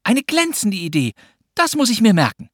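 A cheeky little girl from a storybook, as the audiobook reader puts her on, pitched high and playful. She leaps about in lively, theatrical swings. The reading is dry and close. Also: moderate pace, slightly rough, dry recording.

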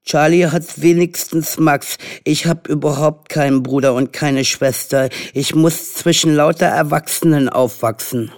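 Storybook: man putting on a cheeky little boy of seven, pleading and mock-innocent, a bit higher. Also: animated, slow pace, clean tone. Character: cheeky seven-year-old boy, only child.

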